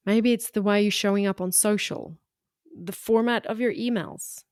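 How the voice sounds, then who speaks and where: In a clean studio with no room sound, a middle-aged South African podcast host and business coach speaks with a medium-pitched, darkish voice that's clear and resonant. Her intonation is fairly even, her speed normal, and her accent a mix of South African and Australian. She motivates business owners frankly and encouragingly in short, punchy bursts.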